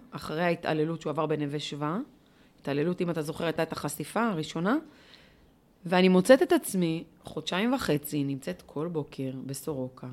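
A woman's voice: fairly low pitch, a little mellow. Heartfelt middle-aged woman telling her story. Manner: heartfelt, full of rhetorical questions and frequent "like" fillers. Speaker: interviewee, volunteer leader. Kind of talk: personal storytelling in an interview.

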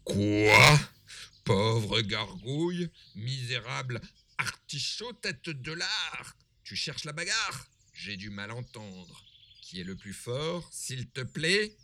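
A man's voice: on the low side, sing-song, takes it slowly, creaky, exaggerated voice. Man putting on a bragging big bad wolf. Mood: outraged. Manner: loud, swaggering, self-satisfied.

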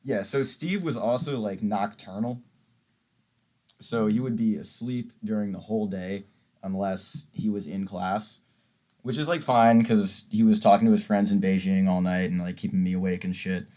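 A man's voice: fairly low pitch, steady tone, normal speed, warm tone. A young man co-hosting a podcast, telling a story casually and acting it out with swearing and laughter. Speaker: podcast co-host. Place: audio-only podcast recording.

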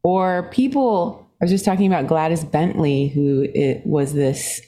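A Singapore-born woman, a musician guesting on a podcast interview, tells stories animatedly and laughs often. Her pitch jumps up as she talks, and she speaks a little slowly.

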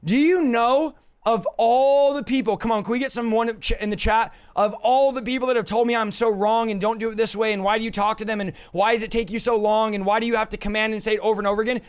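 A man with a hoarse, raspy voice worn out from yelling, preaching in an emphatic, combative and informal way on a livestream. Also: sits high, steady tone, fast. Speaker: preacher and deliverance minister. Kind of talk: livestreamed sermon, informal teaching.

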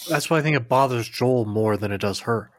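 Brief: male co-host, mid-pitch, easygoing recap delivery, casual swearing. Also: a little fast, dry recording, clean studio sound. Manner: recaps plot in plain steady summary. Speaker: podcast co-host. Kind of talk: casual chat.

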